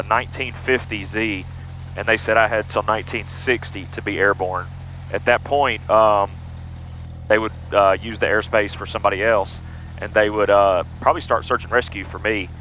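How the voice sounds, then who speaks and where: A man's voice: lowish voice, pushed and bright. A man who is a pilot, casually explaining procedures from inside a small airplane cockpit. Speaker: pilot and flight vlogger. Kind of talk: casual explanatory cockpit narration with radio calls. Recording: muffled cockpit audio with engine noise.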